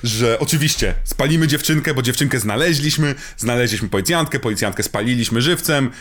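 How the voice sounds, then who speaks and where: A man's voice: mid-range voice, a little fast, fairly bright tone. A man in casual film talk, sarcastic and laughing often as he picks apart a plot.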